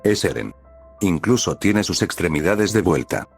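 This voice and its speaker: Armin: an anxious young soldier close to tears, read by a man in a low, subdued voice with a gentle, soft delivery and faint music underneath. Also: expressive, normal speed, creaky, husky, full character voice. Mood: awed. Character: timid young male soldier, tearful and anxious.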